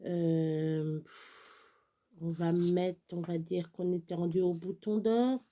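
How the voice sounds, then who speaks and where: Woman reading kids' words and spelling them out, slow and unhurried, chatty asides. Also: lowish voice, steady tone, dark tone. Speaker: children's storyteller. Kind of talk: casual reading and spelling lesson for children.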